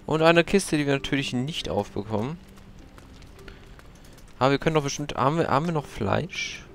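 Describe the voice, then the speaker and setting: A young man casually commenting while he plays a video game, chatty and prone to startled, high-pitched outbursts. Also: animated, moderate pace, gravelly, fairly bright tone, a little hiss or hum. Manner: chatty, exclaims and jumps to high-pitched yelps when startled. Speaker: let's play gamer.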